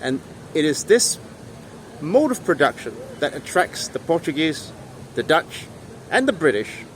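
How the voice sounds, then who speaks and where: A young man, a history vlogger, lectures earnestly to camera in a town square beside old buildings, leaning on key words. His voice is a little high, sing-song and unhurried. He films on a phone held at arm's length, and faint street noise with passing vehicles sits in the background.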